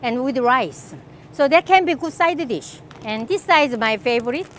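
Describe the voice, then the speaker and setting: Middle-aged korean-accented lady, chatty and upbeat, filming herself in a grocery store, kinda high voice. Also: lively intonation, normal speed, slight background noise. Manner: chatty, enthusiastic, laughs often. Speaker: cooking channel host. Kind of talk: casual shopping walkthrough. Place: large grocery store aisles, indoors.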